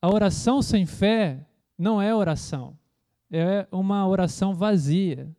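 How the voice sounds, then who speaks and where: A man's voice: high-pitched, measured pace. A man preaching a sermon, often asking the congregation rhetorical questions and calling for amens. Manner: preaching with frequent rhetorical questions and calls of amen; acts out loud shouting prayers as a mock imitation. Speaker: pastor.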